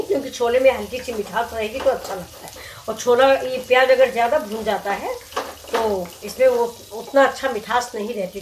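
A woman hosting a home cooking demonstration, chatting to viewers and explaining each step. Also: on the high side. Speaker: cooking channel host. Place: home kitchen with tiled walls. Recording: echoey kitchen with noise.

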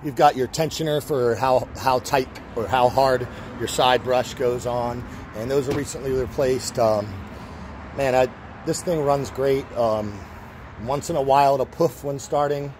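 A man's voice: medium pitch, unhurried, a little mellow. Rambling middle-aged man, noisy outdoors. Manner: rambling, with restarts and fillers. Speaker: seller showing a machine. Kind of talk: casual walkthrough.

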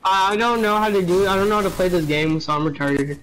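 A high-pitched man talks over a gaming headset in voice chat. He teases and needles other players with a mock-innocent, mocking tone. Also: fast, a bit bright, soft background music, rough recording. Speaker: gamer trolling strangers. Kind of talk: game voice chat.

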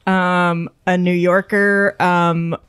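A woman guest in a playful comedy chat, quick to explain her guesses. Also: lowish voice, little pitch movement, fairly bright tone, clear, resonant tone, dry recording, studio quality. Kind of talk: casual game chat.

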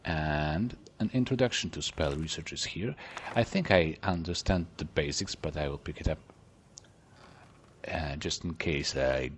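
A man's voice: extremely low pitch, a little hiss or hum. A man casually commenting on his gameplay, chatty and playful, often dropping to a whisper. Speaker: let's play gamer.

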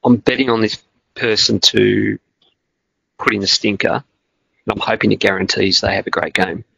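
A man's voice: on the low side, steady tone, normal speed, creaky, a bit bright, slightly rough, dry recording. A man co-hosting a casual Australian football podcast, hesitant and rambling with many restarts, on a dull, dry lo-fi recording. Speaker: podcast co-host.

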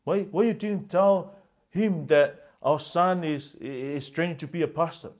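A man's voice: on the high side, a little slow, darkish tone, voice pushed up, natural voice. A man voicing a proud churchgoing husband who presses his wife with exasperated, demanding questions. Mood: indignant.

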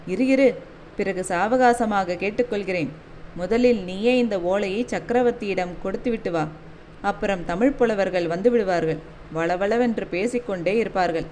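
A woman doing a gruff, commanding old fort commander. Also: medium pitch, moderate pace, a little mellow, a little hiss or hum, lightly acted. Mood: brusque. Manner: commanding, brusque questions. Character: proud older male fort commander, gruff and imperious.

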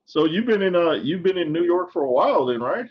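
A man hosting a casual video chat, relaxed and full of fillers like "uh" and "man". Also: high voice, a little fast, husky. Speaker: host. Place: small room indoors. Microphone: video call webcam. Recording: dull lo-fi call audio.

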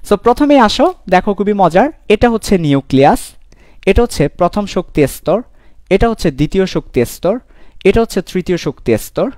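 A young man gives a live online chemistry lecture, animated, playful and given to repeating his points. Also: on the high side, no echo, clean studio sound. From Bangladesh. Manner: animated, repetitive, playful teasing. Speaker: chemistry teacher.

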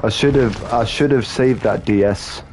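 A man streaming a game with friends, chatting casually and shouting when the play gets tense. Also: mid-range voice, normal speed, slight background noise. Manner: excitable, shouts during tense moments. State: feeling cold. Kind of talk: casual gaming chat.

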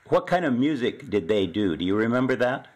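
A man's voice: mid-range voice, sing-song, a little fast. A man asking casual interview questions, speaking from off the microphone.

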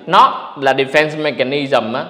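A man hosting a casual livestream podcast, talking in an animated, ranting way to his viewers. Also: mid-range voice, a little slow. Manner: animated, ranting, mocks others in put-on voices. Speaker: podcast host. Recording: echoey room with long reverb.

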